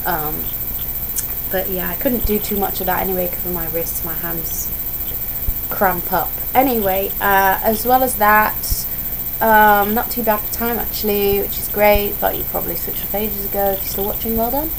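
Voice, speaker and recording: A woman's voice: mid-range voice, steady tone, moderate pace, vocal fry. Ill young woman chatting, noisy recording. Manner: digressive, chatty, self-interrupting. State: ill, voice strained and starting to go. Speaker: vlogger. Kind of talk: casual rambling vlog chat. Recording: noisy home vlog recording.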